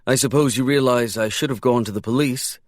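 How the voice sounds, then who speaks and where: A man's voice: medium pitch, a little fast, no room sound, studio quality, lightly acted. A man reading a guarded crime writer. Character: wary, measured male crime writer.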